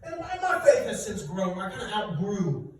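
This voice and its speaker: Middle-aged male stand-up, high-pitched, chatty asides to the crowd; distant mic, big room echo. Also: wildly swooping pitch, moderate pace, a little mellow, slight background noise. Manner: self-deprecating, conversational asides to the audience. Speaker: stand-up comedian. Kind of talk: stand-up comedy set. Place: church hall, live audience. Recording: echoey hall from far off.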